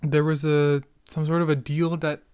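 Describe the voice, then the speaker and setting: A late-teen or young-adult Canadian man hosts a solo podcast, reminiscing in a rambling, casual way with youthful slang and frequent self-interruptions. His voice is on the high side and darkish, smooth and flat in delivery at normal speed, with clean studio sound and no room noise.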